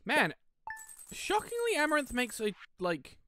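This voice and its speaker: Slow, lively-pitched man playing a farming game. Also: faint music behind. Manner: relaxed, thinking aloud with many fillers. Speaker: gaming commentator. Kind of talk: casual let's-play commentary.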